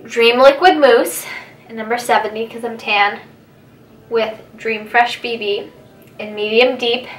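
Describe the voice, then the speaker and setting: A young adult beauty vlogger chats casually and playfully while doing her makeup, seated at a table in a small indoor room. Her voice is a little high, with fairly even intonation and a slightly slow pace. The camera sits a few feet away, so the sound is roomy and distant, with background noise and clinking.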